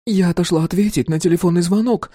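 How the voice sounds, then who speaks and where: A man's voice: sits high, fast talker, dark tone, no room sound, clean studio sound, pitched above the performer's own voice. A man doing a flustered, apologetic caretaker woman.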